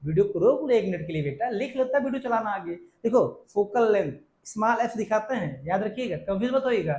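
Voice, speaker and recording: A man teaching a physics lecture, who asks questions and answers them himself, calls his students by pet names and reads definitions out slowly for dictation. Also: high-pitched, animated, a little mellow. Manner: calls students beta and affectionate nicknames. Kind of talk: recorded classroom lecture.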